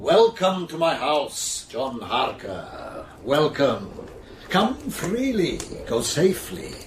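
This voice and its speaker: Courtly, sinister male vampire count, very animated intonation, gothic drama, heavy noise behind. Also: mid-range voice. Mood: grandly welcoming. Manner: formal, deliberate, grandly hospitable. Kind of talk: gothic radio drama acting.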